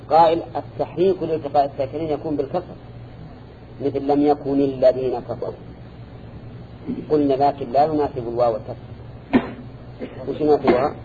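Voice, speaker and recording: A man teaching a classroom lecture, speaking in a measured way and quizzing his students with short questions as he goes. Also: mid-range voice, steady tone, noisy background. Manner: measured, quizzes listeners with repeated "ha?" and "na'am". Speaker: teacher of Quran interpretation. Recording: dull lo-fi recording.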